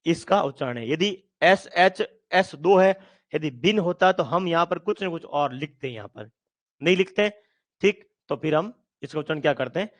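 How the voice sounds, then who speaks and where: Man, teacher, slightly raised pitch, question-and-answer drilling, slow repeated sounds. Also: lively intonation. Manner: asks questions and answers them himself; repeats sounds slowly and deliberately. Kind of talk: Hindi grammar lesson.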